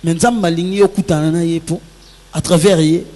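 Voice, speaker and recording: Faint music and long hall reverb surround a man's fairly high, warm, steady voice as he talks a little fast. He is a musician being interviewed casually, offering earnest, reflective advice while switching between Lingala and French.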